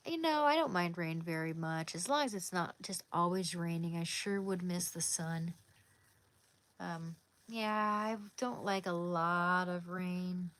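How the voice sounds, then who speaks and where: This Oregon woman has a fairly low but fairly bright voice and speaks a little slowly. She is a livestream host in casual live chat, reading comments and replying to viewers by name with easy friendliness.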